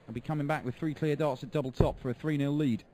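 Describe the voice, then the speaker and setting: A man's voice: a little high, fairly even intonation, fast talker, mellow, a little hiss or hum. A man giving live darts commentary in a colloquial way, reacting to each throw. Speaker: sports commentator.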